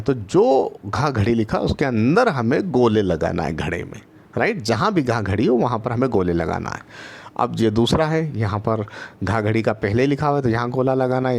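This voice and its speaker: A man's voice: fairly low pitch, a little mellow. A man teaching first graders in an online lesson, patient and repetitive, often checking in with his listeners and drawing out letter sounds. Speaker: primary school teacher.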